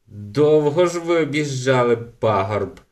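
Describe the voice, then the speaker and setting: A man voicing a grumpy, sharp-tongued ten-year-old boy in a storybook reading, raising his voice for the boy. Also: mid-range voice, lively intonation, normal speed, natural voice. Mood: teasing.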